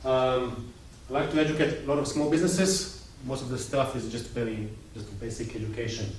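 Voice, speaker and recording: Steady and mid-range, this Israeli-accented man talks a little quickly in a slightly mellow voice, with a faint hiss or hum on the track. Visiting a coworking space's event room as a guest speaker, he keeps his casual presentation to a small group light and jokey, full of brief conversational asides. Sound bounces around the room, picked up by a far-off mic.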